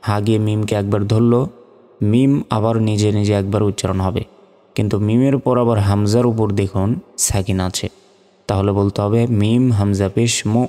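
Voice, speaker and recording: A man's voice: on the low side, steady tone, moderate pace, dark tone, long reverb tail. A man teaching Quran reading, spelling out each letter and vowel mark syllable by syllable. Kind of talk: step-by-step spelling lesson.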